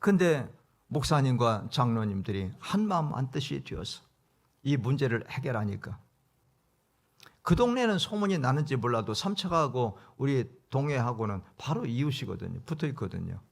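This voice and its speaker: A man's voice: mid-range voice, big pitch swings, normal speed, vocal fry. A middle-aged male guest pastor preaching a revival sermon in a church, emphatic, acting out little scenes of dialogue. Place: church sanctuary.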